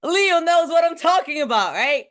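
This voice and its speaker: This energetic motivational talk comes from a Bulgarian woman, a speaker and team trainer, addressing a group by video call at normal speed. She tags "right?" onto nearly every point, her voice swinging between high and low.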